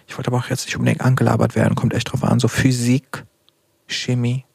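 A man's voice: medium pitch, little pitch movement, fast talker, vocal fry, a little mellow, slightly rough, dry recording. A young man chatting with a friend as a guest, hesitant and thinking aloud with fillers. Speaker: guest YouTuber. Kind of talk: casual chat with a friend.

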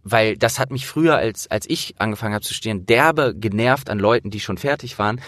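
In casual, opinionated talk, this man, who interviews people, produces audio dramas and has trained as an actor, gets earnest and emphatic, speaking colloquially with the odd curse. His fairly bright voice is on the low side and fairly quick, captured dry and clean in a studio.

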